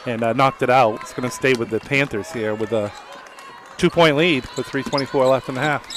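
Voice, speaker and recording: A man giving color commentary on a high school basketball game, easygoing and pausing often on "uh". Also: fairly bright tone, some chatter behind. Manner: easygoing, frequent "uh" pauses.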